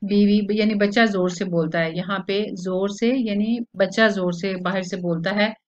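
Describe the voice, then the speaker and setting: A woman teacher explaining a play line by line to students, with frequent hesitant pauses. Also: medium pitch, steady tone. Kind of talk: explaining a literature lesson. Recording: dull lo-fi recording.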